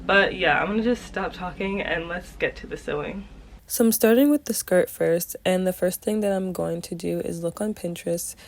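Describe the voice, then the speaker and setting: A young woman with a slightly nasal, stuffed-up voice from a cold, talking in a casual, halting, informal vlog style. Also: fairly low pitch. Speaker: sewing vlogger.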